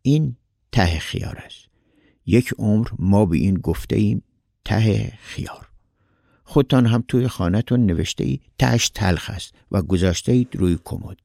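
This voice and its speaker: A man's voice: fairly low pitch, gravelly, warm tone, no room sound, studio quality. A man voicing a polite, fussing middle-aged male neighbor in a read-aloud story. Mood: puzzled. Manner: courteous, fussing, quick to reassure.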